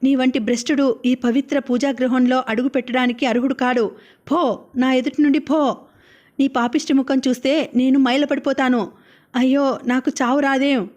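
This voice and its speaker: A proud, grieving aristocratic mother scolds her son in a high, level voice, read by a woman. Her words come out bitter and wailing, with little rise and fall in the pitch, as in a storybook read aloud. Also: steady tone, moderate pace, darkish tone, close to an everyday voice. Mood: raging.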